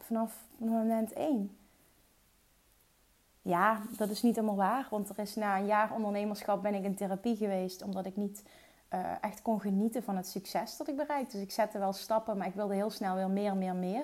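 Earnest, mellow-voiced woman coaching. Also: medium pitch. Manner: earnest and coaching, drops into soft whispers; mixes English phrases into her speech. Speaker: entrepreneur and mindset coach. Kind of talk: motivational talk.

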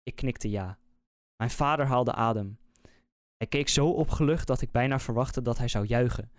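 A man, a podcast host, reading a scary story aloud in a slow, measured, suspenseful way. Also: mid-range voice, dry recording, studio quality. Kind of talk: scripted horror story narration.

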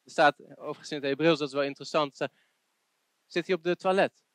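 A man preaching a sermon, telling a Bible story in a lively way and rising to emphatic peaks. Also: a little high, fast, no echo.

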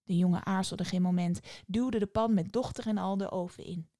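Calm woman narrating a fairy tale. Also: medium pitch, moderate pace, no room sound, clean studio sound. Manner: calm, even storytelling. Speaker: podcast storyteller.

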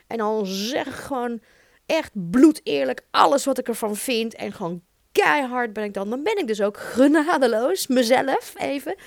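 A woman in her thirties with a Dutch accent, hosting her own podcast and talking in an expressive, emphatic way. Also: a little high, moderate pace, creaky, dry recording, studio quality. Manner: intense, expressive, emphatic with swearing. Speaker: podcast host. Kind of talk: solo podcast monologue.

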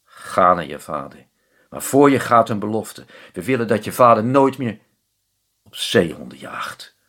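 A man reading a young grey seal prince from a storybook, courteous and solemn. The voice is low and somewhat husky, with a measured dignity. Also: animated, a bit bright.

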